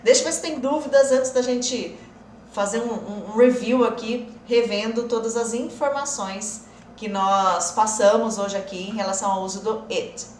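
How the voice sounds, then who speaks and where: A woman's voice: on the high side, moderate pace, a little mellow, echoey room, distant mic, a little hiss or hum. A woman teaching an English lesson on a live stream, explaining patiently, answering viewer comments and laughing often.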